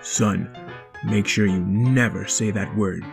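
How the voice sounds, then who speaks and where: Woman doing a stern, deep father dinosaur. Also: steady tone, takes it slowly, vocal fry, music in the background, full character voice. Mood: lecturing. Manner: firm, lecturing, hushing. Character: stern, set-in-his-ways father dinosaur. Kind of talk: storybook character voice.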